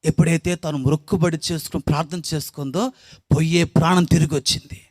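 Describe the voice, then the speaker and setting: A man's voice: fairly high pitch, fairly even intonation, a little fast, a little mellow, dry recording, clean studio sound. A pastor telling his own life testimony with emotion, his voice climbing when he is moved. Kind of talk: spoken testimony.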